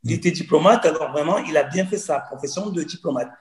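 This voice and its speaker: A man's voice: fairly high pitch, fast. Earnest man in his forties, roomy echo. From Cameroon. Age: 40s. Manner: earnest, storytelling, repeats phrases. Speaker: guest. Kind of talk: personal testimony in conversation.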